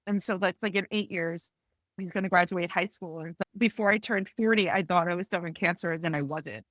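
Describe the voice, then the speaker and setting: Tearful woman in her forties, halting. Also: on the low side, fairly bright tone, no echo. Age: 40s. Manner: halting, with frequent restarts and apologies. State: tearful, close to crying. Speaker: panelist. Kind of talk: emotional personal testimony on a panel.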